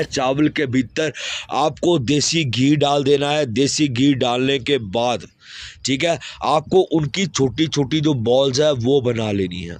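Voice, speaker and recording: A man explaining a ritual step by step, directive, and constantly filling pauses with a repeated "okay". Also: fairly high pitch. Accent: Hindi. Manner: fills pauses with repeated "theek hai". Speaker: occult ritual instructor. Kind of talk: spoken ritual instructions.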